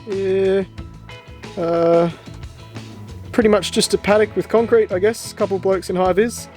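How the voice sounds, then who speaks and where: A man's voice: high voice, fairly even intonation, unhurried, a little mellow, soft background music. A man doing a put-on New Zealand accent as a laid-back, rambling boatyard bloke who calls everyone bro. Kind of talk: comic impression in a vlog.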